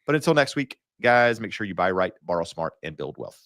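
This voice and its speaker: Man, low voice, casual host, rambling, lots of restarts, dry close sound. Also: big pitch swings, fairly quick, a bit bright, dry recording. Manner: loose, rambling with many fillers and restarts. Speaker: real estate show host. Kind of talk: casual market talk.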